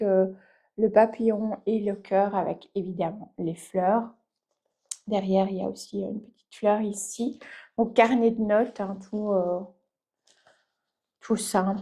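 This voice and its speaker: A woman's voice: mid-range voice, mellow. A woman from France chatting casually in her vlog, full of fillers and self-mocking laughs. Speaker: vlogger.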